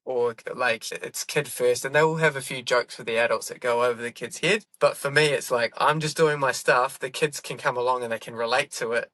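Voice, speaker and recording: A man's voice: mid-range voice, fairly even intonation, fairly quick, hardly any pauses, sharp tone, no room sound. A middle-aged man, a comedian chatting in a podcast interview, rambling and correcting himself as he goes. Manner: rambling, self-correcting, laughs often. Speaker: guest comedian.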